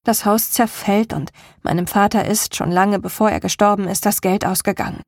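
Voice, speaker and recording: A haunted, resolute young woman, read by a woman narrator speaks in low, measured, weary tones. Her voice carries a gravelly, breathy texture. The recording is close and dry. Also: fairly even intonation, no room sound, natural voice. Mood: grim. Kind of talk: audiobook character reading.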